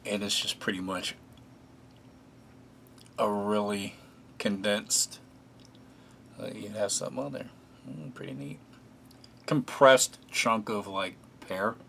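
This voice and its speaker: A man casually narrating a food taste test, relaxed and chatty, often pausing with fillers as he eats. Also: on the low side, creaky, slight background noise. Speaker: food reviewer.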